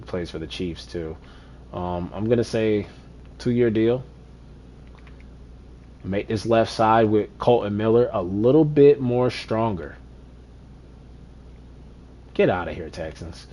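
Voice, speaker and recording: A man with a fairly low voice gives casual gameplay commentary. He talks to himself, musing over choices, and now and then launches into an exasperated rant. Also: mellow, slight background noise. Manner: chatty, muttering to himself, exasperated rants. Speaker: gaming streamer.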